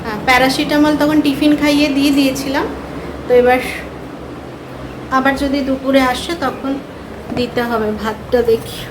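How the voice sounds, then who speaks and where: A woman's voice: high voice, fairly even intonation, moderate pace, pauses often, noisy background. A woman in her thirties with a Bengali accent, chatting casually to viewers while doing chores at home. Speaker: vlogger, mother. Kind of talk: casual home vlog narration. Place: home, kitchen and rooms.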